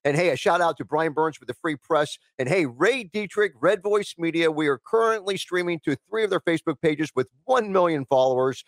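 A man's voice: fairly high pitch, lively intonation, fairly quick, hardly any pauses, no room sound. Man hosting talk radio, rambly with lots of uhs, dry booth sound. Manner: rambling, many fillers, reads news aloud. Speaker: talk show host. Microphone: studio microphone.

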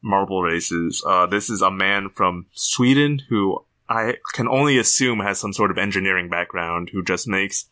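A man's voice: sits low, normal speed, hardly any pauses, bright, forceful tone. A young man co-hosting a podcast, chatting casually and chuckling often. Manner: laid-back, chuckles often. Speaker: podcast co-host. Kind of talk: casual chat.

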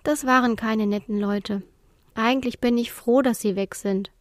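A woman reading the part of a lonely, gentle female ship spirit who sighs as she tells her story, in a storybook reading. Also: a little high, steady tone, moderate pace, no echo, studio quality, natural voice. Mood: wistful.

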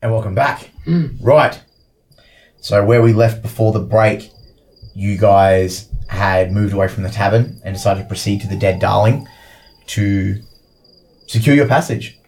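A man's voice: fairly low pitch, unhurried, pauses often, darkish tone, rough recording. Loose-talking man narrating as game master. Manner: loose, filler-heavy narration with many "like"s.

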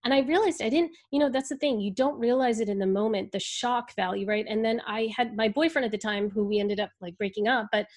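A woman speaking as an interview guest, earnest and reflective, talking in halting bursts as she thinks things through. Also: a little high, a little mellow. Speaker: guest speaking about the ad industry. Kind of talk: candid interview conversation.

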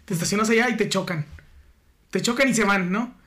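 A man's voice: sits high, fairly quick, pushed and bright. A man with a Mexican accent chatting casually in an easygoing, joking way. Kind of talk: casual podcast chat.

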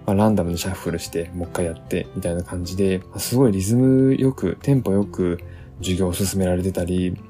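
A man with a low, dark voice talks through a solo podcast episode. His delivery is easygoing and reflective, with frequent pauses and fillers. Soft guitar music plays faintly underneath. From Japan. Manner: relaxed, reflective, many fillers. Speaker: podcast host.

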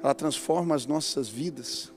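Fervent Brazilian pastor preaching. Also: male voice, fairly high pitch, moderate pace, faint music behind. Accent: Brazilian Portuguese. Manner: dynamic preaching, swinging from hushed to loud and fervent. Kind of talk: sermon.

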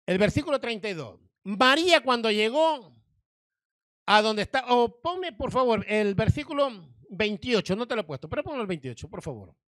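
A man's voice: high voice, very animated, normal speed, fairly bright tone, dry recording, clean studio sound. A male pastor preaching a sermon, reading scripture verses and asking the congregation rhetorical questions.

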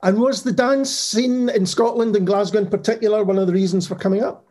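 A man's voice: high-pitched, steady tone, fairly quick, a little mellow. A man hosting a podcast, interviewing a guest in a friendly, enthusiastic way. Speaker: podcast host.

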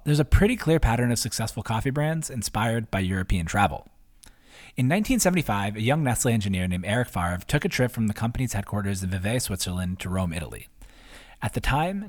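A man narrating his own written post aloud in an upbeat, conversational reading voice, adding casual asides. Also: medium pitch. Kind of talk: read-aloud essay narration.

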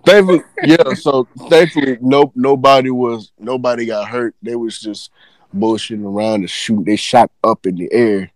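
A man from Texas, telling a work story in loose, profane, animated casual chat. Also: medium pitch, moderate pace.

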